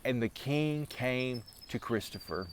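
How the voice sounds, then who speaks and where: A man's voice: medium pitch, lively intonation, slow pace, a little hiss or hum. Man telling a legend casually. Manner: dramatic, building with repetition; casual, with restarts. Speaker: storyteller. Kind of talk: oral storytelling of a legend.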